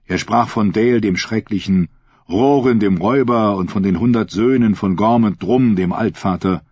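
A man narrating a fantasy audiobook in a measured, dramatic reading style. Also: on the low side, a little mellow, breathy edge, dry recording, lo-fi sound.

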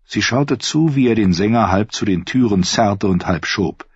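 A man reading a fantasy audiobook in a measured, even storytelling manner. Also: on the low side, husky, no echo, dull audio. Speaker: audiobook narrator. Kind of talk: scripted fantasy narration.

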